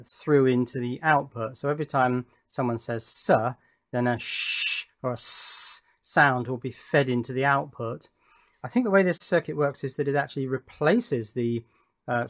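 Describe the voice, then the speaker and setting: A man hosts a hobby electronics video, explaining his build at the workbench without a script in a matter-of-fact, technical and self-critical manner. His voice is mid-range with a fairly bright tone.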